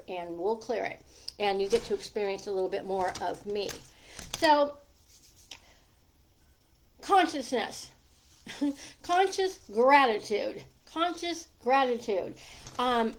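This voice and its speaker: Mature woman, slightly high pitch, lisping whistly s, chatty coach, informal livestream talk, rambling asides. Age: middle-aged or older. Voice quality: lisp with whistling, slushy s from a gap in her teeth. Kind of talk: casual livestream talk to viewers.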